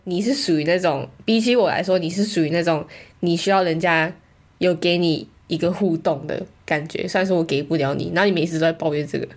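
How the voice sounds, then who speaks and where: A young woman talks quickly in casual chat. Her voice sits a little low, and she sounds indignant as she complains. Her delivery is brisk and direct.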